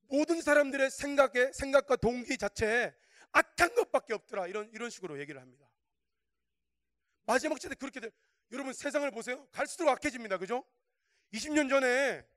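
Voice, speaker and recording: A male guest preacher with a strikingly high voice delivers a sermon in a chatty, colloquial way, full of rhetorical questions. He drops to hushed asides and then rises to fervent shouts. The sound is close and dry, with no room echo. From Korea.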